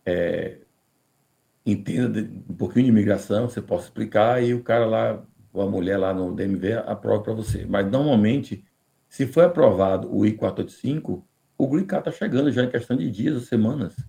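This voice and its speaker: A man with a Brazilian Portuguese accent answering immigration questions on a live podcast, measured and deliberate, often restarting words. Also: fairly low pitch, gravelly, mellow.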